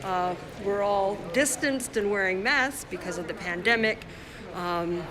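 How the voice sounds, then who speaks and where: A Congolese artist gives a chatty livestream tour of her own show, talking into a handheld phone as she walks through an indoor gallery and shows her work. Opening-night crowd chatter murmurs clearly behind her. Her mid-range voice is unhurried, and the audio is poor.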